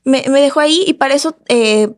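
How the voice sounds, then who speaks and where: A woman, a podcast guest telling a personal story in a casual, animated way and acting out the voices of the people in it. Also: high-pitched, a little fast. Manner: animated, acts out the voices of others in her story.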